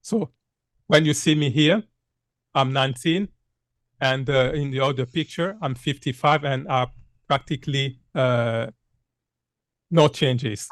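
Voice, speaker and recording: A man's voice: mid-range voice, measured pace, long pauses, no echo, clean studio sound. A man in his fifties from Congo gives an earnest public health talk with many "uh" fillers. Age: 50s. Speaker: speaker giving a health talk.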